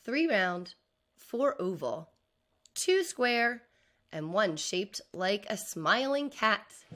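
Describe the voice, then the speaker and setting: Woman reading as an obliging girl, bright voice. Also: mid-range voice, very animated, extremely slow, full character voice. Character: helpful young sister giving away her trinkets.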